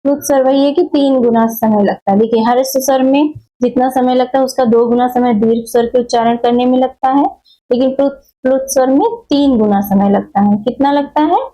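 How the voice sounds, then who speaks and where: A woman teaches a Hindi grammar lesson in a high, dark-toned voice at normal speed, captured on a rough recording. She explains repetitively, checks in with her students by saying "theek hai" often, and drags out vowel sounds as examples.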